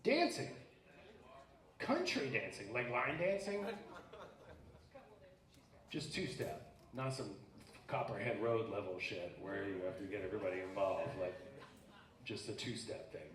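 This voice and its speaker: A man's voice: fairly low pitch, expressive, unhurried, pauses often, fairly bright tone. A man performing a live comedic magic act on stage, joking bawdily with audience volunteers. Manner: bawdy, joking crowd banter. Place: live music venue stage. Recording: roomy venue sound from far off. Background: audience laughter.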